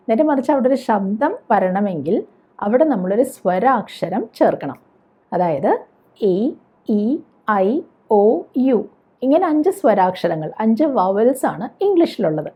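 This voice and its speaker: A woman's voice: medium pitch, expressive, measured pace, warm tone, slightly rough. A woman teaching spoken English, explaining patiently, spelling words out letter by letter and asking the viewer questions. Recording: dull lo-fi recording.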